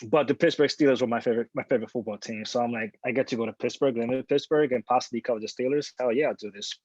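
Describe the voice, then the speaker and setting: A man in his forties who was born in the Dominican Republic and grew up in New York, a photojournalist telling his career story in a relaxed, candid way with many fillers and restarts. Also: medium pitch, very fast, no room sound. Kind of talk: casual talk at a panel. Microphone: video call. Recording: dull lo-fi sound, dry.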